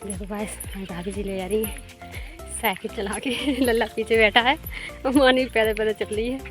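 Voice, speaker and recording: A woman's voice: fairly high pitch, steady tone, moderate pace, faint music behind. A woman chatting casually and laughing often as she films a vlog outdoors in the fields. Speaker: vlogger.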